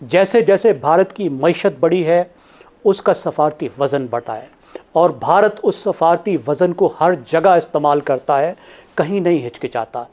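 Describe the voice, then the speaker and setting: Methodical man with a mellow voice. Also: fairly high pitch, lively intonation, unhurried. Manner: methodical, counts points in order. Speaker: analyst. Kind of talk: measured panel analysis.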